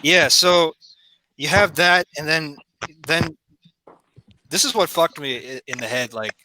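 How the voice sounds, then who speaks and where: A man's voice: on the high side, a little slow, noisy background. A man with an Indian accent reviewing a cartoon series in casual chat, rambling with many fillers and restarts.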